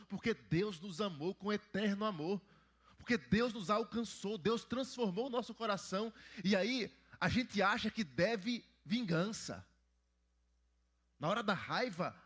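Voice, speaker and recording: A man's voice: sits high, a bit bright. A man, the pastor, teaching a Bible lesson in church and putting questions to the children. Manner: asks the children questions and prompts answers. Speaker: pastor teaching Sunday school.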